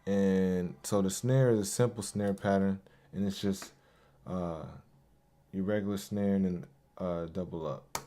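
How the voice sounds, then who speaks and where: A man's voice: low voice, fairly even intonation, measured pace, slight background noise. A man producer casually walking through how he built a beat, laid-back and hyping along with ad-libs. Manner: laid-back, hypes along to his beats with yo and hey ad-libs. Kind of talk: casual beat breakdown tutorial. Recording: beat music playing loudly behind.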